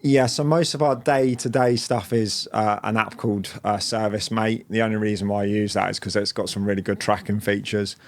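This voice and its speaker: In a casual interview chat, a late-20s business owner speaks as a guest, relaxed and rambling with plenty of fillers and restarts. His voice is fairly low, and he talks briskly with few pauses.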